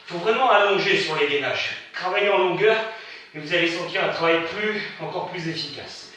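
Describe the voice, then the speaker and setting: A man's voice: high voice, brisk, bright, forceful tone. A man leading a workout class as instructor, counting reps and countdowns aloud between short motivating commands. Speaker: fitness instructor. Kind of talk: live workout class with rep counting and cues. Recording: echoey room from far off, music behind.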